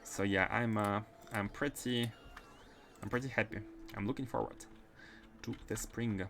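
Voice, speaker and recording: There's a little hiss or hum as a man with a Russian accent chats on his gaming livestream, restarting and repeating phrases while he plays. His fairly low voice is gravelly and fairly bright, with fairly even intonation and a slightly slow pace.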